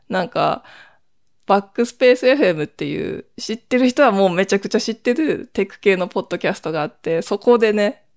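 A woman hosting her own podcast, talking alone in a casual, chatty way with lots of rambling asides. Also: mid-range voice. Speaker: podcast host. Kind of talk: casual solo podcast chat.

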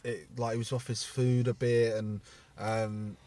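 A young man, a podcast co-host and new father, talks in easygoing casual chat, halting and filling his pauses with ums. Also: medium pitch, little pitch movement, warm tone, recorded from a distance. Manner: easygoing, halting, many fillers.

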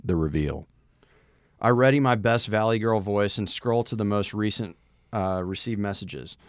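A man with a fairly low voice reads a listener's story aloud on a podcast. He sounds wry and stops for dramatic pauses before each section title. The sound is dry and close, with no room echo. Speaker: podcast co-host.

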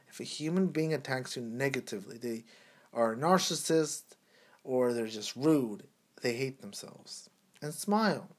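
A man's voice: medium pitch, husky. Earnest preachy man in his thirties. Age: 30s. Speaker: podcast co-host. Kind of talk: casual opinion talk.

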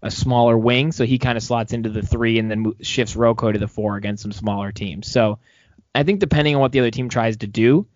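A man's voice: medium pitch, fairly even intonation, brisk, no room sound. Male podcast co-host, optimistic sports talk, dry dull lo-fi sound. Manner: rambling, many restarts, upbeat. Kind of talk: casual sports chat.

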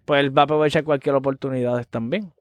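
A man, a guest telling a story in casual street slang and acting out quotes loudly. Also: medium pitch, fairly even intonation, fast, no room sound.

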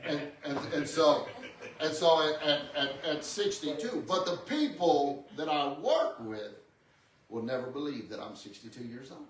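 There's slight background noise as a pastor in his sixties preaches, his slightly high voice expressive and unhurried. The sermon is a conversational teaching one, dotted with repeated words and "amen" and "okay" check-ins, picked up by a far-off mic in an echoing room.

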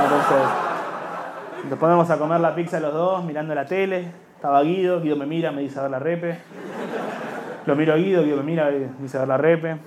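There's slight hiss or hum behind this fairly high-pitched young man, who has a Rioplatense Spanish accent. He's telling a lengthy comedy story on stage, wandering off track, poking fun at himself and shifting into quoted voices.

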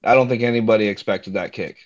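A man's voice: lowish voice, fairly even intonation, fast. A man giving his views casually as a panelist in a sports discussion. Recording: dull, muffled lo-fi sound.

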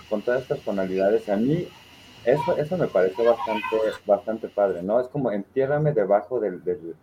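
Man reciting poetry over a dull video call; low-pitched, thoughtful. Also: slight background noise. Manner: reflective, uses many fillers and tag questions. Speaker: participant reading a poem. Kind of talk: casual literary discussion and poem recital.

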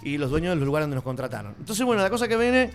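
A middle-aged man with an Argentine accent, a circus performer telling his story as a radio guest, lively and acting out the lines he quotes. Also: on the high side, rapid-fire, soft background music. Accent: Argentine Spanish. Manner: animated storyteller, acts out quotes.

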